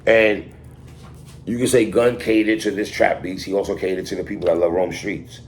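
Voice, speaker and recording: A man's voice: sits low, little pitch movement, moderate pace, slight background noise. A man with a New York accent giving casual, opinionated music commentary in an emphatic, repetitive, slangy way, as if talking straight to someone. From New York City. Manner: emphatic, repetitive, slangy, addressing the artist directly. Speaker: hip hop album reviewer.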